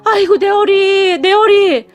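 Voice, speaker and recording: Woman doing a loud bossy middle-aged mother. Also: sits high, lively intonation, normal speed. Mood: yelling. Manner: shouting, bossy, wailing.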